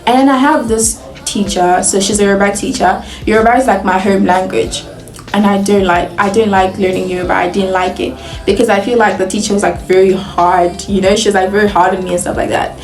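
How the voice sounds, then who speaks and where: A young Nigerian woman with a Nigerian accent tells a casual, chatty story as a vlogger, speaking fairly quickly in a mid-range voice. She is animated, laughs often and leans heavily on "like", with a reverberant sound and faint music behind her.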